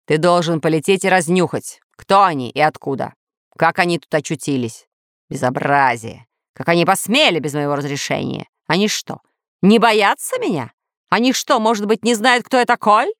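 A woman's voice: fairly low pitch, moderate pace, dry recording, studio quality, lightly acted. A woman voicing a boastful, villainous male scientist who rules dinosaurs, pompous and threatening in a storybook reading. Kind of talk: storybook narration.

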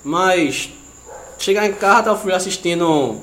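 A man, co-hosting a comedy podcast and telling stories in a slangy, animated way that gets loud and laughing at the peak. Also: sits high, moderate pace. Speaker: podcast co-host. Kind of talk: comedic storytelling chat. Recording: echoey room with faint noise.

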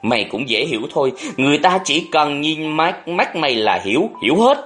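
A man's voice: a little high, big pitch swings, brisk, fairly bright tone, faint music behind, voice pushed up. A man voicing a sullen, resentful young man who grumbles at his family in a storybook reading.

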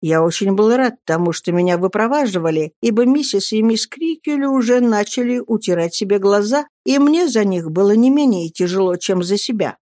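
A measured audiobook narrator reading a classic novel in an even storytelling voice of middle pitch. The recording is dry and close, with no room sound around the voice. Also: dry recording.

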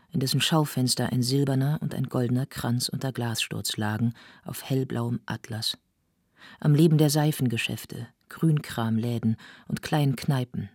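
A woman narrating a novel in an audiobook, in a measured, serious reading. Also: very deep voice, husky, no room sound, clean studio sound.

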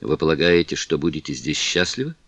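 A man reading the lines of a composed aristocratic gentleman who speaks slowly and with measured calm, in an audiobook. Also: rumbling low, no room sound, heavily acted. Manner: slow, measured, condescending calm.

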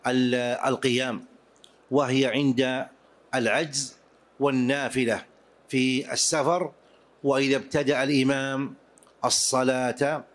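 In a mid-range voice, a man teaches Islamic jurisprudence to a class, laying out the rules of prayer deliberately and going back over key points for his students.

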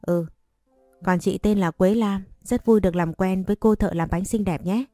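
A woman storyteller voicing a gracious, cheerful wealthy young wife who speaks in a friendly, warm way. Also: medium pitch, moderate pace, no echo, studio quality, soft background music, natural voice.

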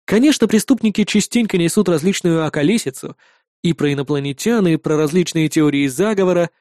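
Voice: mid-range voice, fairly quick, a little mellow, no echo, studio quality. A reader narrating an audiobook in the first person with a wry, laid-back delivery.

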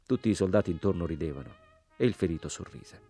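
A man reading a literary novel aloud, with measured, sober storytelling. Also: low-pitched, expressive, dark tone, slightly rough, faint music behind. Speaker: audiobook reader. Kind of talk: literary audiobook narration.

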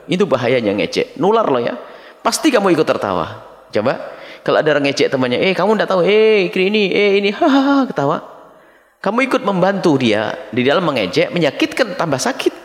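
Middle-aged guy preaching, voice swings up and down a lot, long echo from a big hall. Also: medium pitch. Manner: reads Arabic phrases then explains them, addresses listeners as his children. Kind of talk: dawn sermon teaching from a text. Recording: long reverb of a large hall.

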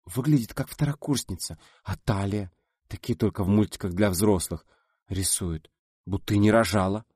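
A man's voice: lowish voice, normal speed, darkish tone, breathy edge, no room sound, clean studio sound. A man voicing a shy, nervous young actress asking anxious questions in an audiobook. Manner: hesitant, flustered.

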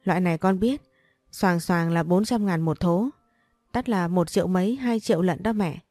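A woman's voice: lowish voice, moderate pace, darkish tone, dry recording, faint music behind, close to an everyday voice. A woman voicing a spoiled, greedy young sister-in-law who eggs on her mother in a storybook reading. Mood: excited. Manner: eager, needling.

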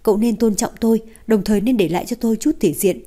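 Brash young woman voiced by a woman narrator, chatty, quick to bristle, mellow warm voice, audiobook. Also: medium pitch, close to an everyday voice. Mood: indignant. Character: brash curious young woman, actress friend.

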